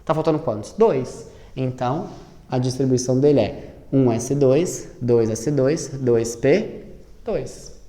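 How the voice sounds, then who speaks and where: Lively male chemistry teacher, echoey room. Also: mid-range voice. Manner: lively, asks and answers his own questions, spells out sums slowly. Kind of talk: classroom lesson at a board. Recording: roomy echo with long reverb.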